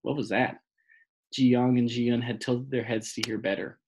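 A man narrating an audiobook in a measured, plain reading. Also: medium pitch, little pitch movement, darkish tone, a little hiss or hum.

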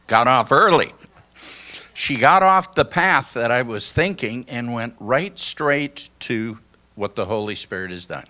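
An older man giving an informal sermon to a small congregation, speaking slowly and conversationally into a handheld microphone in a church hall. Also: lowish voice, pushed and bright. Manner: slow, conversational, reflective. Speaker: pastor.

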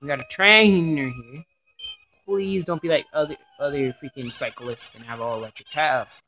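A man doing let's play commentary on a game, excitable and rambling, swearing often. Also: fairly high pitch, moderate pace. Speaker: gaming commentator.

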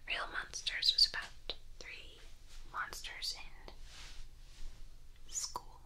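A woman's voice: very slow, sharp tone. A woman in her thirties whispering casual ASMR chat very close to a binaural microphone, moving from ear to ear, in a playful, rambling way. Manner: whispering close into the listener's ears, side to side. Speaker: ASMR video host. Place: small furnished room at home.

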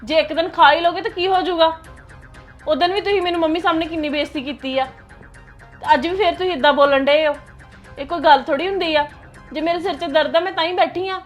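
A woman's voice: extremely high pitch, steady tone, quick pace, faint music behind. An actress playing a fed-up young wife who complains indignantly about her husband. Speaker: actress in a family skit.

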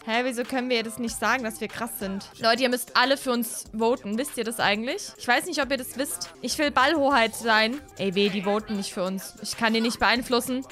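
A woman narrates her life-simulation game in a loose, chatty way, reacting emotionally and talking to her audience. Her voice is bright and sits a little high. The tone stays casual throughout. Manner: chatty, emotional, addresses viewers directly. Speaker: let's play creator.

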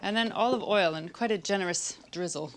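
Brisk and mid-range in voice, this woman in her thirties runs a cooking show, chatting easily as she cooks at home. The background is noisy, with a loud music bed and a sizzling pan.

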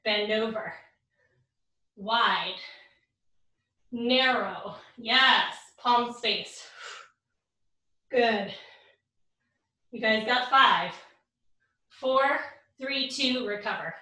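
A woman's voice: on the high side, extremely slow, long pauses, pushed and bright. Breathless woman coaching a workout. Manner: cueing reps and counting down, upbeat. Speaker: fitness instructor. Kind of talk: live workout instruction. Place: home workout room. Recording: roomy echo from far off the mic.

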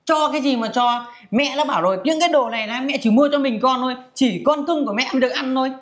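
A woman's voice: high-pitched, quick pace, lightly acted. A woman playing a middle-aged mother in a comedy family skit who favors her son and scolds her daughter, nagging and exasperated.

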